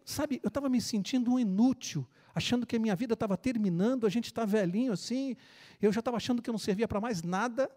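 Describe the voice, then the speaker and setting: A preacher in a sermon story voicing a lonely, elderly man who speaks softly and confidingly. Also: mid-range voice, long reverb tail, pitched above the performer's own voice, lightly acted. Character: lonely old man, gentle and moved.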